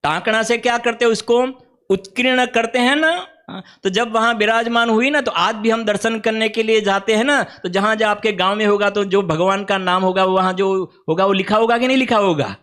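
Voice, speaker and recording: A man with a high-pitched voice and a Gujarati accent delivers a spiritual discourse. He talks in a conversational way and keeps putting questions to his listeners. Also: brisk, a bit bright. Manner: conversational, asks the audience questions often. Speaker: Jain preacher. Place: teaching camp hall.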